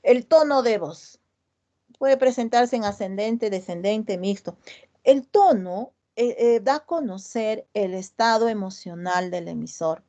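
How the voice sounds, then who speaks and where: A middle-aged woman teaching over a slightly muffled video call, her voice sitting at an ordinary middle pitch. She works through each term step by step, repeats the key words and keeps asking the class questions. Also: measured pace, warm tone. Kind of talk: online class lecture.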